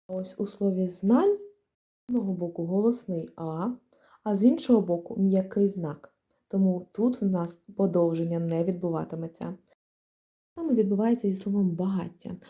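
A woman's voice: lowish voice, warm tone. A woman teaching a grammar lesson, explaining rules step by step and spelling out letters and example words. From Ukraine. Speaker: language teacher.

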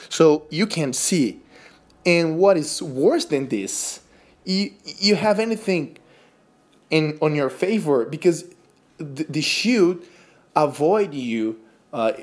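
A gaming YouTuber from Brazil, a man with a higher-leaning, darkish voice, does casual gameplay commentary in English as a second language with a Brazilian Portuguese accent. He laughs in disbelief at game glitches.

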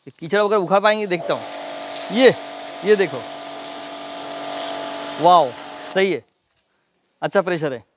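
A man talks through a hands-on product demo at a rapid clip, explaining as he goes. His voice sits a little high for a man, and there is a faint noise behind him. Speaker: product reviewer. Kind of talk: casual product demo and review.

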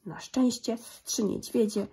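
A woman reading a fairy tale aloud to children, gentle and expressive. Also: a little high, measured pace, vocal fry, slight background noise. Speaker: storyteller.

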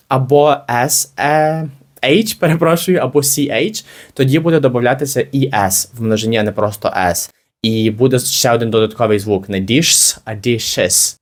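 A man teaching an English lesson, explaining phrases slowly and repeating them carefully for learners. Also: medium pitch.

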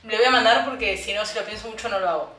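A young woman with an Argentine accent, chatting casually as she cuts her own hair at home, a bit hoarse from a cough, self-mocking and thinking aloud. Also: medium pitch, quick pace, roomy sound, background noise. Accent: Argentine Spanish. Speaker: beauty vlogger. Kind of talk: casual vlog chat. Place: home bathroom.

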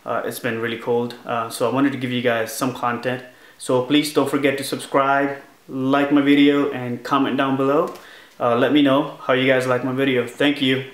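A young motovlogger speaks at normal speed in a medium-pitched voice, giving a casual walkthrough of his helmet gear from a small indoor home office. He stays relaxed and rambles, leaning heavily on uh and um.

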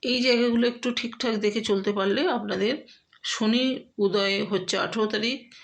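A woman astrologer giving a horoscope talk to her viewers in a steady, explanatory way, with frequent pauses and filler sounds. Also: medium pitch, vocal fry.

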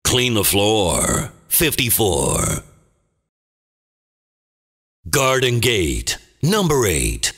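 A man playing a booming, dramatic movie trailer announcer, calling bingo in short theatrical phrases with a gravelly voice. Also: huge pitch swings, fairly bright tone, heavily acted. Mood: dramatic, portentous. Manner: theatrical, deliberate, clipped phrases. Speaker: bingo caller. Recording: long booming reverb.

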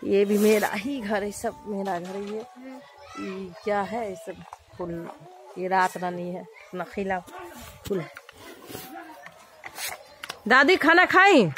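A young woman vlogging at home, cooing questions to her little boy and then quietly showing the flowers in her garden. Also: mid-range voice, level tone, takes it slowly. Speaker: vlogger and mother. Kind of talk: casual home vlog, talking to her child and viewers. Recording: faint background noise.

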